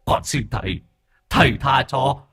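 A man doing a husky groveling hungry ghost. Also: mid-range voice, fairly bright tone, no echo, clean studio sound, voice pushed up. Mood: begging. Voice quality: husky, breathy, drawn-out wailing. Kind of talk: audio ghost story narration.

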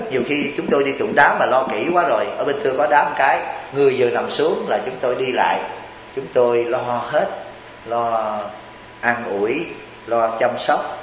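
A man's voice: mid-range voice, fairly bright tone, roomy sound, in a large hall, poor audio. A Buddhist monk from Vietnam gives a chatty, joking sermon, teasing his listeners and asking them rhetorical questions.

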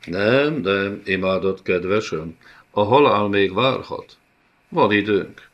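A man's voice: on the low side, lively intonation, muffled recording. A man voicing a huge, cruel male beast-warlord in an audiobook, with a sneering, mock-tender way of taunting. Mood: gloating cruel. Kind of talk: audiobook character voice.

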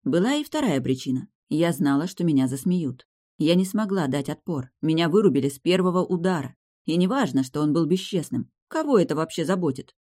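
A woman narrating a fantasy audiobook in a low, mellow voice. She reads in a steady, wry storytelling manner, with a relaxed and warm tone throughout. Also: a little fast. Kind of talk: first-person fantasy novel reading.

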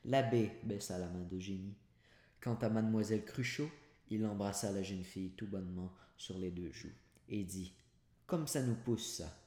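A low-voiced man reads a classic novel aloud in one unedited take. He stumbles, corrects himself and drops casual asides. The room around him is echoey. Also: steady tone, normal speed, warm tone. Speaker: audiobook reader and podcaster. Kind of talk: unedited audiobook reading. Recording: roomy echoey home recording.

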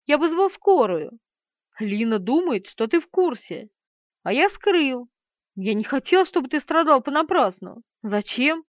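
A woman's voice: sits high, sing-song, unhurried, no room sound. A woman doing a weepy meek steward. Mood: rambling. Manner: weepy, rambling. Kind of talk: audiobook character voice. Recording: slightly dull, dry.

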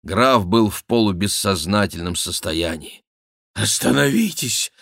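A man narrating a classic novel in a measured reading. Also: sits low, fairly bright tone, no room sound, studio quality. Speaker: audiobook narrator. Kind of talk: scripted literary narration.

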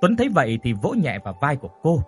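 A man's voice: medium pitch, wildly swooping pitch, fast. A man narrating a horror story expressively, rising on tense moments. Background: faint music.

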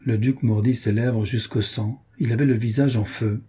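A man narrating a novel as an audiobook, in a measured, deliberate reading. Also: mid-range voice, steady tone, warm tone, slightly rough.

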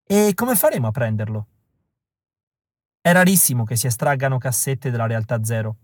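A man's voice: medium pitch, expressive, moderate pace, no room sound, lightly acted. A man voicing a young woman rebel who explains plans in a cool, cold manner. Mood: cool briefing. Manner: cold, briefing tone. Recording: dry close recording.

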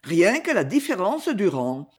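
A reader voicing a proud young duke, earnest. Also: male voice, high voice, wildly swooping pitch, a little slow, slightly rough, full character voice. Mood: pleading. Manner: earnest, pleading. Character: proud young male duke, ardent suitor.

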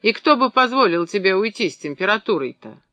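A man reading the lines of a gruff, stout middle-aged woman who cleans a small clinic and scolds patients bluntly. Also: high voice, very animated, fairly quick, bright, forceful tone, no echo, exaggerated voice. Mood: grumbling.

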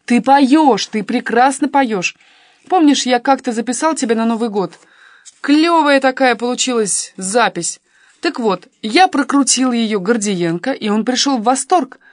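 A woman's voice: a little high, measured pace, no echo, clean studio sound, lightly acted. A woman reading an audiobook and voicing a pushy young man who keeps coaxing and persuading his cousin.

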